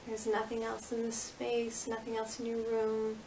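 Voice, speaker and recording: A woman yoga instructor leading a guided meditation with soothing, unhurried, gently repeated instructions. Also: a little high, completely flat delivery. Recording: roomy, distant mic with faint noise.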